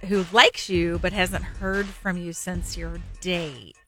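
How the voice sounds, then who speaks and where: A woman co-hosts a radio show in a bright, forward voice set a touch low. She is easygoing and reassuring, with faint music underneath. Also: fairly even intonation, takes it slowly. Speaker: radio co-host.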